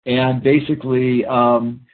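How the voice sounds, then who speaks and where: A man's voice: mid-range voice, flat delivery, slow. A man talking earnestly in a rambling interview, often restarting his sentences. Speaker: guest. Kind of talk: conversational interview talk. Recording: phone-line audio, husky.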